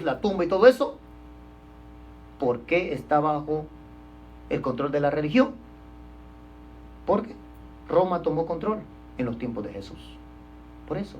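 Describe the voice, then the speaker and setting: A male pastor preaching a sermon, stressing points loudly and then dropping to a hush, and often calling his listeners brother. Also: fairly high pitch, a little hiss or hum. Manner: emphatic preaching, swinging between loud stresses and hushed drops; keeps addressing listeners as brother.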